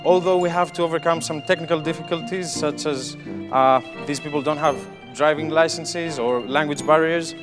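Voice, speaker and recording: Company guy, formal measured talk, slightly high voice, guitar music behind. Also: steady tone. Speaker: company representative. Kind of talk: documentary interview.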